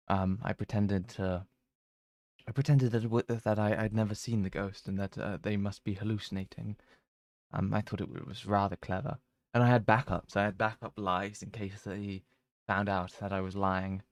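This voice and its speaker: A man's voice: lowish voice, little pitch movement, normal speed, no room sound. A young man chatting casually on a stream, rambling and self-mocking, with plenty of swearing. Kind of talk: casual chat.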